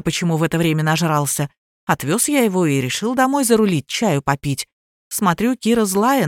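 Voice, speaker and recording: A woman's voice: lowish voice, dry recording, clean studio sound, natural voice. A woman voicing a young husband, easygoing and talkative, in an audiobook.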